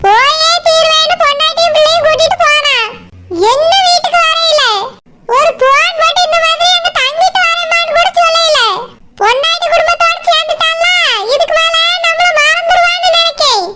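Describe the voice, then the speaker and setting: Cartoon mother-in-law, nagging Tirunelveli village matriarch, very high and bright, done by a woman. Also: fairly even intonation, normal speed. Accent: Tirunelveli Tamil. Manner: nagging, complaining.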